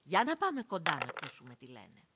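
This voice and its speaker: Expressive woman storyteller. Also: low voice, noisy background. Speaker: narrator. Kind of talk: storytelling narration for children.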